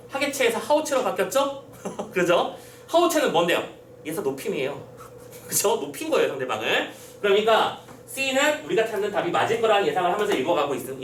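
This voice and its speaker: A man's voice: high voice, a little hiss or hum. A man teaching a Korean literature exam-prep lecture, explaining step by step and often checking understanding with short questions. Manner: acts out quoted lines in a gruff voice. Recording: roomy echo, slightly distant mic, faint ambience.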